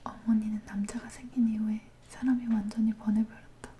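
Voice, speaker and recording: A woman leaning in close to the ear microphone, reading a dark story aloud in a breathy, hushed ASMR whisper. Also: fairly high pitch, little pitch movement, brisk, slight background noise.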